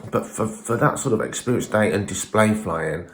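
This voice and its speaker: A falconer presents his own video, talking to camera in an informal, emphatic, opinionated way and often tossing in rhetorical questions. His voice sits fairly low and moves at a normal speed, recorded in an echoey room.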